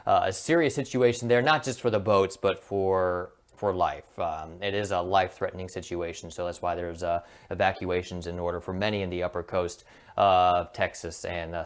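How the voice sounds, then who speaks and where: A man presenting an unscripted hurricane forecast as a meteorologist, sometimes halting and rephrasing as he goes. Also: deep voice.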